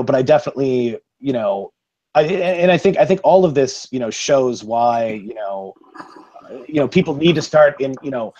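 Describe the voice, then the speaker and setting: A man who works as a freelance photographer, speaking on a discussion panel in a halting way, with many fillers and restarts. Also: medium pitch, a little mellow, dull audio. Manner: halting, full of "you know" and "um" fillers.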